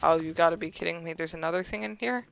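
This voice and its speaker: A woman's voice: fairly low pitch, quick pace. A woman chatting casually as she plays through a game. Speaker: gamer playing a custom map. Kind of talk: casual gameplay chat. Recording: clearly noisy home game recording.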